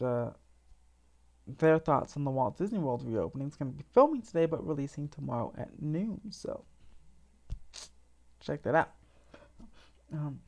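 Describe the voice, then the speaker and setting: A woman's voice: sits low, darkish tone. A woman hosting a casual theme park livestream, chatty and enthusiastic, sleepy and yawning, with frequent restarts and small laughs.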